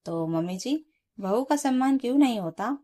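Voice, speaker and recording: A woman voicing a sick, weary young daughter-in-law who speaks softly and reasons calmly in a storybook tale. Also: a little high, moderate pace, voice pushed up.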